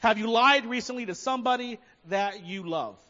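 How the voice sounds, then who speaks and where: A man's voice: extremely high pitch, normal speed, bright, forceful tone, lo-fi sound. A man preaching a sermon as pastor, talking conversationally and asking his listeners many questions.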